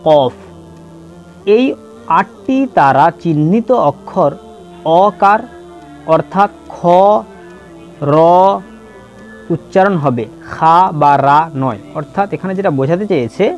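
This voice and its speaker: A man teaching letter pronunciation in a slow lesson, patiently repeating and drawing out each sound for students to follow. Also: fairly high pitch, animated. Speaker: Quran reading teacher. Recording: dull lo-fi with faint music.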